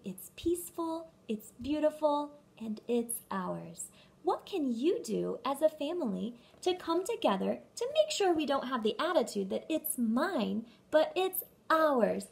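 In a room at home, a woman reads a storybook aloud for young children. Her high, very lively voice carries some creak, and she phrases things slowly and with emphasis.

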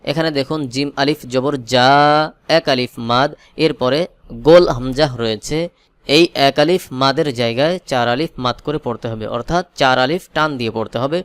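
Brief: male Quran teacher, Bangladeshi Bengali accent, resonant voice, dry close sound, spells out verses then chants them slowly. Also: mid-range voice, clear, resonant tone, no room sound. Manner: slow melodic chanting when reciting verses, plain explaining between. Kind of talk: spelling-out Quran recitation lesson.

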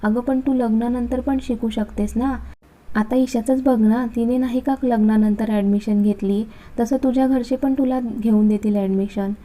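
A woman's voice: on the high side, steady tone, normal speed, mellow, close to an everyday voice, rough recording. A woman voicing a meddling older aunt who complains self-righteously. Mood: complaining.

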